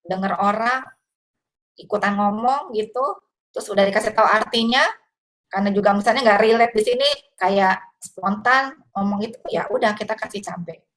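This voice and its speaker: A woman, a mother and guest on a talk show, speaking in a relaxed, matter-of-fact way. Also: mid-range voice, normal speed. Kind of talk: casual talk show chat.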